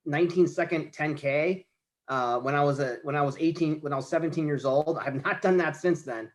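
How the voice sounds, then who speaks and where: With a fairly high-pitched voice and a fairly quick pace, a US podcast guest in his late forties chats casually about marathons. He rambles, stammers, and keeps restarting his sentences.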